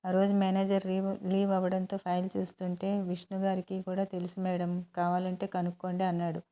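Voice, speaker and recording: A woman's voice: lowish voice, monotone, a little fast, dark tone, lightly acted. A woman reading the lines of a hurt, hot-tempered young businesswoman who reproaches her partner. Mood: annoyed. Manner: tearful, reproachful.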